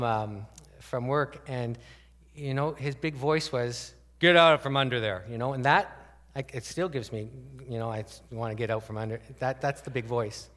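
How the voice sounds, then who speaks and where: A man's voice: medium pitch, in a large hall. A man preaching a conversational sermon as a pastor, asking the congregation many rhetorical questions. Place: church sanctuary.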